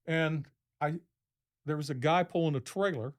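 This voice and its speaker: A man's voice: on the high side, normal speed. A man, a podcast guest, telling a long story casually, rambling and acting out what people said. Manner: rambling, acts out quoted speech in a raised voice.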